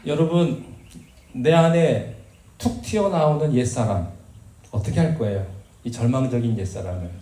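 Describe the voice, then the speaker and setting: A man's voice: medium pitch, moderate pace, pauses often, mellow. A man preaching a sermon as pastor, telling stories in a conversational way with self-deprecating humor. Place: church sanctuary. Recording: roomy church sound with faint background noise.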